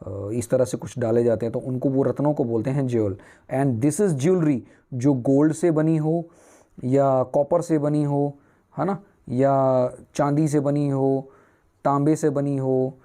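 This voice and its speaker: A man's voice: mid-range voice, dark tone. A man teaching newspaper vocabulary, asking and answering his own questions at a whiteboard.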